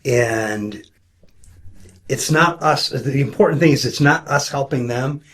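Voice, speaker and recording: A man talking with a church member in an earnest, quick way, often restarting his sentences. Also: medium pitch, a bit bright. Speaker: pastor interviewing a church member. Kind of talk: casual conversational interview.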